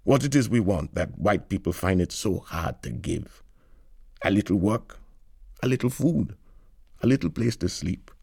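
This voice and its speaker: A man's voice: deep voice, lively intonation, a little slow, vocal fry, a little mellow, husky, no room sound, clean studio sound, heavily acted. A man reading as a weary young man in London, earnest and pleading. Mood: lamenting.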